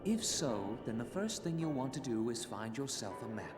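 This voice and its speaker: A man's voice: medium pitch, sing-song, moderate pace, natural voice. A man playing a haughty, theatrical bird-warrior spirit in a video game, with a pompous, overacted anime-dub delivery. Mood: smug, condescending. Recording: game audio under loud music.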